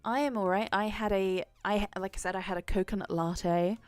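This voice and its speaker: A woman's voice: medium pitch, steady tone, brisk, smooth, no echo. A woman livestreaming a game from home, chatty and bubbly, thinking aloud and greeting her viewers in the chat. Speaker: livestreaming gamer. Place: at home with a cat on her lap. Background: faint game music.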